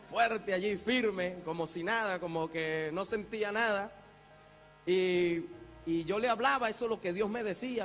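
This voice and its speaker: A man's voice: sits high, fairly bright tone, big-room sound. A man, a pastor, giving a fervent church testimony, laughing often and sprinkling his talk with amens.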